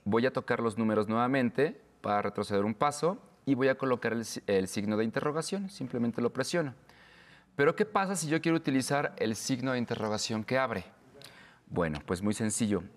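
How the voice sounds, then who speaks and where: A man's voice: medium pitch, animated, big-room sound. Patient man explaining step by step. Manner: patient, explains slowly with pauses. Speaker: instructor. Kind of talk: step-by-step tech tutorial.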